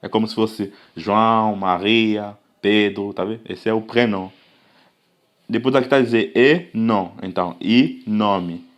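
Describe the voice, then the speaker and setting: Casual tutor: an African man, lowish voice, teaching at a slow and patient pace, repeating each example. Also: dull audio. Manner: patient, repetitive, checks understanding with "tá vendo?"; slowly drawn-out example phrases. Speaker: language teacher. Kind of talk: casual spoken language lesson.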